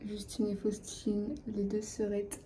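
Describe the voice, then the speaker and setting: A woman's voice: medium pitch, completely flat delivery, takes it slowly, very noisy. A young woman chatting casually and teasingly in a travel vlog, giggling often. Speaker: vlogger.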